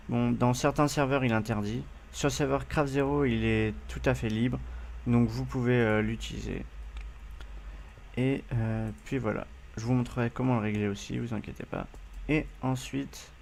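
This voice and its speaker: A man's voice: medium pitch, gravelly. A man with a French accent hosting a game tutorial, speaking casually with many fillers and hesitations as he addresses viewers. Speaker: gaming tutorial host.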